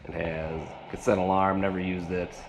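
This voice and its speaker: A product reviewer with a low, level voice talks at a moderate pace, giving a casual hands-on gadget review indoors. He rambles in a colloquial, folksy way full of slang. The recording has its highs cut off and comes from an echoey room with loud noise.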